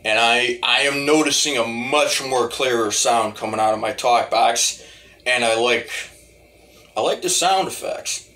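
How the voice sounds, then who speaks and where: A man with a medium-pitched, pushed and bright voice gives a casual, rambling demo at a measured pace. He's a hobbyist talk box musician who keeps restarting and repeating the starts of his phrases.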